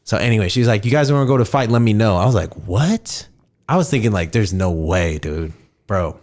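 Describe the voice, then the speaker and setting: A man in his thirties hosts a podcast, telling a story in casual chat at a brisk pace. His voice is fairly low, and he animatedly acts out the people in the story, quoting them in raised voices.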